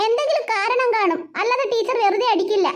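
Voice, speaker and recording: Woman voicing a high-voiced cartoon mom. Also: fast, heavy background noise. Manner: coaxing, questioning. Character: patient, questioning cartoon mother. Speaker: mother. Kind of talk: cartoon voice acting.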